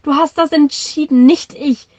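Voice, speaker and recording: A woman's voice: high-pitched, fairly even intonation, moderate pace, darkish tone, no echo, natural voice. A woman reading the lines of an indignant young woman, in her own voice without changing it.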